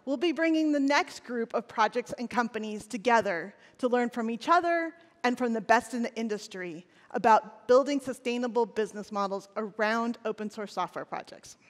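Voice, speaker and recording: Woman, 40s, keynote presenter on a big stage; earnest scripted delivery, slightly high voice, lapel mic in a reverberant hall. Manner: scripted, earnest, occasional restarts. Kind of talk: conference keynote speech. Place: large stage in a conference hall. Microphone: headset or lapel mic on stage.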